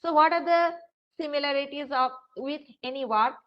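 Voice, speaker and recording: A high-pitched woman with an Indian English accent lectures a class in an easy, conversational way, filling pauses with "uh" and "you know" and speaking straight to the students in front of her. The recording is dull and lo-fi, as if picked up by a room microphone in a classroom. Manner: conversational, frequent fillers, addresses students directly. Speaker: university lecturer.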